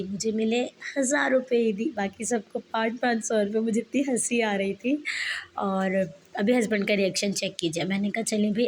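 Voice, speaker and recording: A woman's voice: medium pitch, slight background noise. Chatty woman vlogger. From Pakistan. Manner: chatty, laughing asides. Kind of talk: casual vlog narration.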